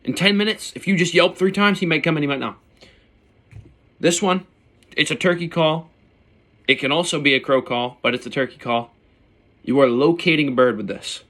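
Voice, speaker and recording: Bright-voiced man in casual gear demo. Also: on the high side, moderate pace, pauses often. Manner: informal, blunt, mildly sweary slang. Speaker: turkey hunter presenting his calls. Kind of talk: casual hands-on gear demonstration.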